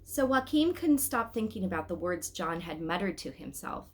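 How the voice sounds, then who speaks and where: Reading a story with plenty of expression, this woman keeps her pitch fairly low and her speed normal. Her delivery is casual and lively, and she often turns to address her audience with small asides.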